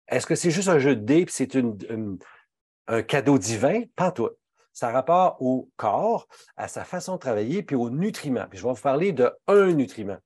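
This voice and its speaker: Animated husky Québécois man. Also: dry recording, clean studio sound. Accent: Québécois French. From Quebec. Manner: emphatic, indignant, swings pitch widely for emphasis. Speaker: pharmacist giving a health talk. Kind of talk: animated health talk.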